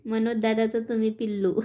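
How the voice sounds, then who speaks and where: A woman's voice: a little high, mellow. A woman chatting casually on a phone live stream, reading out viewer comments and laughing often. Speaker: vlogger reading live chat.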